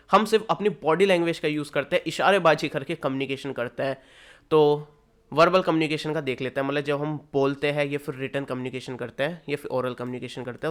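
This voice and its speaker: A young man teaches in a relaxed, talkative way, going back over each point in simpler words. His voice sits a little high for a man and comes through smooth and clean. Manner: chatty, repeats points with plain rephrasings. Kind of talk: casual lecture explaining slides.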